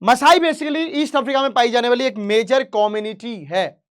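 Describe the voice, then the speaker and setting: A teacher giving a history lesson in mixed Hindi and English, reading English lines slowly and explaining them quickly with playful asides to the students. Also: medium pitch. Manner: reads English lines slowly, then explains fast in chatty Hinglish; playful asides and jokes, addresses students directly.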